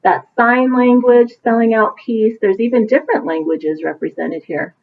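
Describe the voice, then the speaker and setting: Reading at normal speed in a slightly high voice, a teacher shares a bedtime picture book with children. Along the way she gives encouraging, simply worded explanations. The sound is thin and narrowband, like a phone line.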